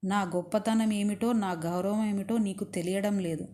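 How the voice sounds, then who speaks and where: A woman voicing a proud, cruel male demon king who boasts and gives orders, in a warm, mellow voice. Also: medium pitch, fairly even intonation, normal speed, close to an everyday voice. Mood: arrogant anger. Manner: boastful, commanding.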